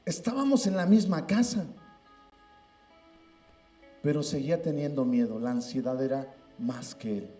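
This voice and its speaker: A man's voice: fairly high pitch, unhurried, long pauses, mellow, roomy sound, faint music behind. A middle-aged man preaching a sermon as pastor, emphatic and often addressing listeners as brother. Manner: emphatic, repeats "hermano" often.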